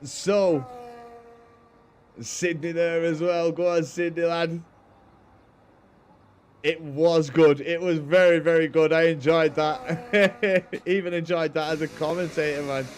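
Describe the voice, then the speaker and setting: A British man hosts a stream commentating on racing games, calling the race action with excited, laddish emphasis and mixing in casual chat. His voice is on the high side, with a slow pace and long pauses. Music plays behind him, along with a little hiss or hum.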